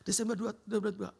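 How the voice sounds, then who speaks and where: Man, middle-aged, preacher, church sermon with personal testimony, lively storyteller, husky voice. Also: sits high. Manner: lively storytelling, calls the audience "Bro". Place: church sanctuary.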